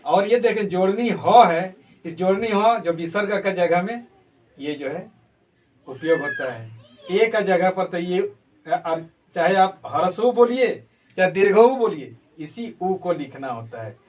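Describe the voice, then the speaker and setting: Slow high-voiced man teaching script. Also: animated, darkish tone. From Jharkhand, India. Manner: slow, repeats sounds to demonstrate them. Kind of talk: explanatory lesson. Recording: voice from a distance.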